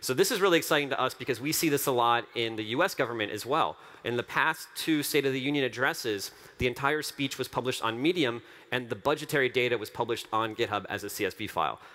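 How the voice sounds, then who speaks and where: A company co-founder in his thirties delivers a conference keynote on a large, dark stage through a headset mic. His mid-range voice is bright and forceful, moving fast with hardly any pauses, and he stays earnest and upbeat, repeating phrases for emphasis.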